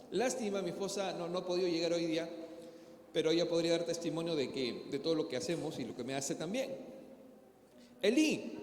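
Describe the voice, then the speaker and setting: High-voiced Peruvian pastor preaching in an echoey hall. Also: male voice, darkish tone, a little hiss or hum. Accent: Peruvian Spanish. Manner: conversational preaching, acts out dialogues. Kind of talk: sermon. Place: church hall. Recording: echoey hall with faint ambience.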